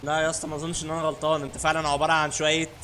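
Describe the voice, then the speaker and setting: A man with an Egyptian Arabic accent doing casual gameplay commentary from home, his voice high and his words rapid. He jokes and mocks, now and then breaking into shouts. The recording carries a clear layer of noise behind him. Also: completely flat delivery. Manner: joking and sarcastic, bursts into shouting. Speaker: gaming YouTuber host. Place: at home, sitting on a dining chair.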